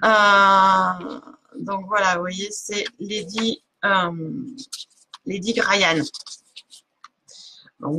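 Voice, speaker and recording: Streaming an oracle card reading live, she speaks in a bright, forceful mid-range voice with vocal fry. The delivery is casual and halting, full of fillers, restarts, and pauses to hunt for words, and she laughs at herself.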